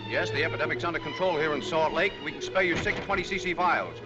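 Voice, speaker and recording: An actor playing a brisk health official. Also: male voice, on the high side, natural voice. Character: brisk male health official far away. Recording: dull old film sound with music.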